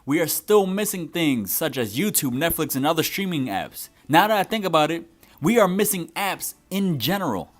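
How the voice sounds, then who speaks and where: A man's voice: a little high, very animated, moderate pace. A young man giving a scripted but conversational video game review as its host.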